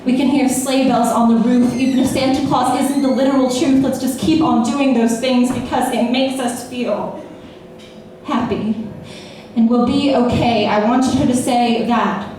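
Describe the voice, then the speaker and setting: Recorded from a distance in an echoey little bar, a young Austin, Texas woman performs her own spoken word poetry at an open mic. Her tone is steady, a bit slow and mellow, yet she's playful and wry, breaking into sudden pitch jumps and laughter. There's slight background noise.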